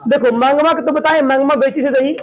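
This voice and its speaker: High-voiced teacher quizzing a class. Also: male voice, fairly even intonation, fairly quick, poor audio. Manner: quizzes students loudly, retells story in dialect. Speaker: coaching centre teacher. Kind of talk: classroom Hindi lesson with quizzing. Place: classroom with students. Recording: faint room noise and chatter.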